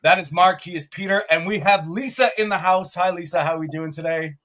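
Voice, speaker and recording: A man's voice: sits high, a little fast, fairly bright tone. A man from Canada co-hosting a live podcast, chatty and upbeat, often laughing as he rambles. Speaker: podcast co-host.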